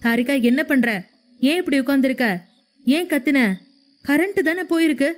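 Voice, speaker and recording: Gentle, protective young husband, voiced by a woman. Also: high voice, moderate pace, lightly acted. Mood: worried. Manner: soothing, reassuring.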